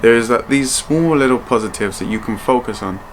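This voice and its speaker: A man vlogging in a reflective, personal way, speaking earnestly and haltingly and often repeating his phrases. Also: medium pitch, slight background noise. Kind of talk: personal vlog to camera, reflective talk.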